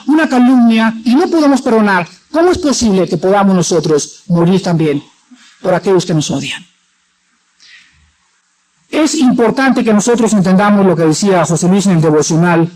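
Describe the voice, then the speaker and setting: A man preaching a sermon in a church, dramatic, acting out quoted voices and moving between loud and soft. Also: high-pitched, low-quality recording.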